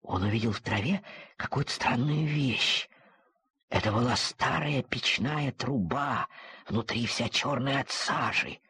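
A narrator telling a children's storybook, lively and speaking to the listeners directly. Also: mid-range voice, unhurried, slightly rough, dry recording.

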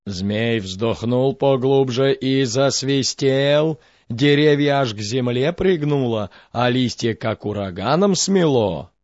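A man telling a fairy tale in a measured, expressive storytelling voice. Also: mid-range voice, no room sound, muffled recording.

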